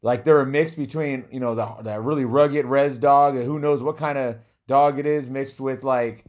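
A man's voice: mid-range voice, fairly even intonation, normal speed, darkish tone. Man, podcast host, casual chat, joking delivery. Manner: joking, acts out imagined remarks. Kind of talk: casual conversational interview.

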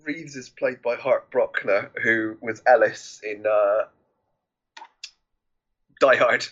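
A man with a bright, forward voice chats through favourite films with a co-host, and his tone stays amused and easygoing. His mic sounds dull and lo-fi, with the top end rolled off. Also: medium pitch, slow pace. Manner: chatty and amused, laughs often. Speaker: podcast co-host. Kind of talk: casual film review chat.

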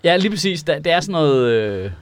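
A man's voice: fairly high pitch, very animated, no echo, studio quality. A man in casual podcast chat, loose and profane, laughing often.

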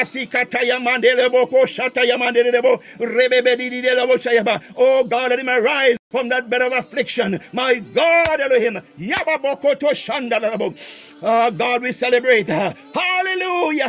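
Fervent high-voiced man praying aloud. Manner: rapid repeated invocations, speaking in tongues, bursts of shouting. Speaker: prayer leader. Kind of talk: fervent intercessory prayer.

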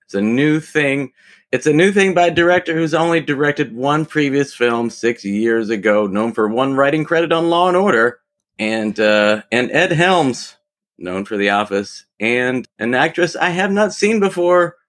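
Wry man host with lively pitch. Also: normal speed. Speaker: podcast co-host. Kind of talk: casual movie review chat.

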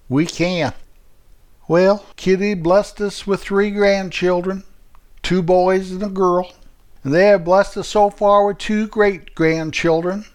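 An older man with a folksy, rambling manner, telling homespun stories in a comic monologue. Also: on the high side. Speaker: retired shop owner telling his story.

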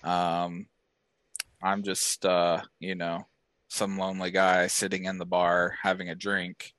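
A man's voice: sits low, monotone, slow pace, a bit bright, no echo. A man chatting casually and improvising a goofy story, laid-back and profane, full of "like" and "bro".

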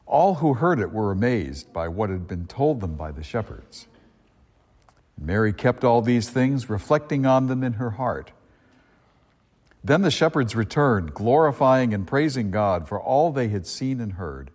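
In a large church, a priest reads the gospel and then gives a chatty Christmas homily, frequently repeating and restarting phrases as long reverb rings around him. His fairly low, slightly mellow voice swings widely in pitch and moves a little slowly.

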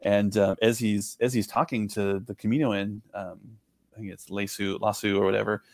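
Gravelly-voiced man chatting casually. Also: lowish voice, level tone, moderate pace, darkish tone, dry recording. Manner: rambling, many fillers and restarts. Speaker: podcast co-host. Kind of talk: casual chat.

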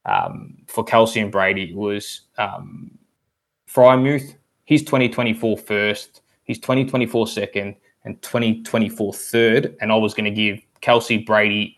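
A man's voice: on the low side, fairly even intonation, moderate pace, fairly bright tone. A man in casual podcast chat, rambling through a long story with many ums. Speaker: league member guest.

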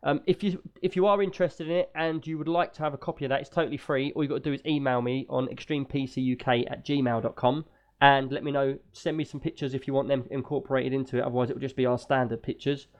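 British guy hosting a gaming podcast, chatty and keen, medium pitched voice. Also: steady tone, quick pace, dull audio. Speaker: podcast host. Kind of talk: casual gaming podcast talk.

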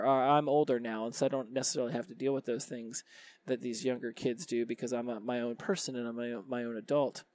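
A man's voice: medium pitch, a little mellow, no room sound. A man hosting a solo podcast, talking casually to college students with plenty of ums and restarts. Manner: casual and conversational, frequent fillers and restarts. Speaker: podcast host.

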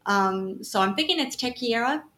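A woman's voice: a little high, animated, moderate pace, bright, forceful tone, slight background noise. A woman co-hosting a casual podcast, chatting about the news with frequent fillers and laughs. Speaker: podcast co-host.

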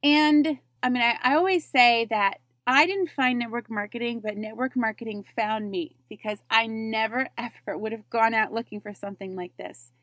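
A woman's voice: on the high side, fairly even intonation, normal speed, hardly any pauses, a bit bright, dry recording. Chatty woman telling her story, dry sound. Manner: chatty, frequent self-corrections and little laughs. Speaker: network marketer. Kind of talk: personal story monologue.

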